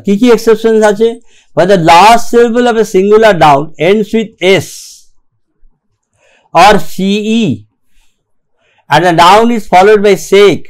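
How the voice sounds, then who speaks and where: A man teaching English grammar in a recorded lecture, reading rules aloud slowly and keeping checking that the class follows. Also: high voice. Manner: slow and deliberate, reads English rules aloud, keeps checking "ঠিক আছে?".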